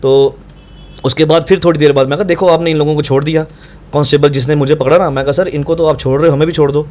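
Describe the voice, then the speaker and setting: Brief: young adult man, rapid and insistent account, voice on the higher side, reenacts the argument. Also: fairly even intonation, darkish tone. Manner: fast, insistent, reenacts dialogue. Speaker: doctor recounting incident to reporter. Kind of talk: animated first-person account.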